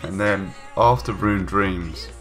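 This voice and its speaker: This gaming YouTuber, a young man congested with a cold, takes it slowly in a low, fairly bright voice while faint music plays. His casual voice-over, recorded in a home room separate from the gameplay, rambles with frequent ums and restarts.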